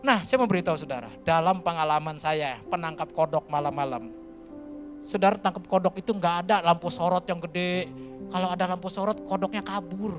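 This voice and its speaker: Male pastor from Kalimantan, high voice, chatty storytelling sermon over background music. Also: fairly quick. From Kalimantan, Indonesia. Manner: lively, colloquial, keeps addressing the congregation. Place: church.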